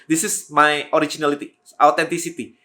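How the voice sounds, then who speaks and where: A man talking quickly and energetically to camera, giving tips on making content. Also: on the high side. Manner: fast-talking, lively, energetic. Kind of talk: energetic how-to talk to camera.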